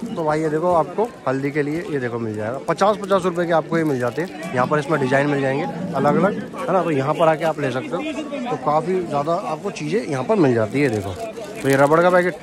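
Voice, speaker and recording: In this casual walkaround vlog, a young man with a slightly high voice talks fast while making his way through a packed street market. He quizzes vendors on prices and passes the figures along to viewers. He films on a handheld camera, alternating point of view and selfie shots, amid outdoor crowd noise and chatter.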